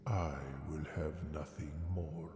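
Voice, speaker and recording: An actor playing a mysterious fortune teller who speaks in a slow, ominous whisper, heard as game audio. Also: male voice, very deep voice, little pitch movement, heavily acted. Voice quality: whispery, gravelly. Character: mysterious fortune teller seeing doors and omens. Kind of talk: video game voice acting. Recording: game audio under loud music.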